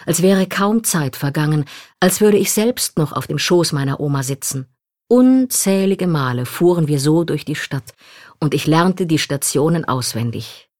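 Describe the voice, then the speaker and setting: A woman reading a first-person memoir aloud in a calm, reflective manner. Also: low voice, no room sound, studio quality. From Poland. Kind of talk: scripted literary narration.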